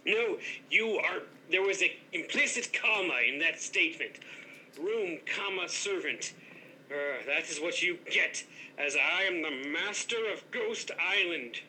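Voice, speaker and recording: Man doing a grandiose ghost innkeeper, bright and a bit high, talks down to mortals. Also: lively intonation, unhurried, slight background noise, full character voice, low-quality recording. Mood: haughty. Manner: haughty, grandiose, condescending. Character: pompous headless male ghost hotel master. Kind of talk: improv comedy scene.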